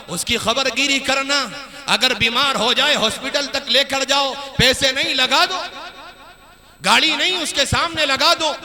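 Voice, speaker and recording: A man preaching an impassioned sermon, swinging between loud emphatic bursts and quiet dropped phrases. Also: very high voice. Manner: impassioned preaching, rising and falling sharply. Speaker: Islamic preacher.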